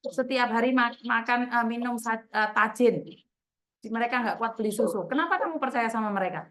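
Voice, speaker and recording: A woman's voice: fairly high pitch, fairly quick, fairly bright tone. A woman hosting a call-in chat, bluntly scolding a caller with rhetorical questions and repeated endearments. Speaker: host counseling a caller.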